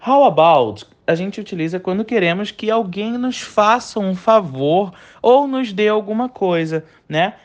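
A man's voice: sits high, lo-fi sound. A young man with a Brazilian Portuguese accent teaching an online English lesson in a chatty way, often checking in with his students.

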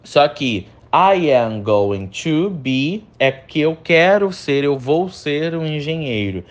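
A man teaching English grammar, saying example sentences slowly and checking in often with his students. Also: a little high, animated, lo-fi sound. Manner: slow, drawn-out repetition of example sentences; chatty, checks in often with short tags.

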